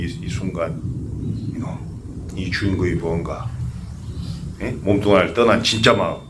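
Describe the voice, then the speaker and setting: A man's voice: low voice, noisy background. An older man, a Buddhist monk, giving a conversational sermon that asks the audience questions and tells humorous stories. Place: temple memorial service.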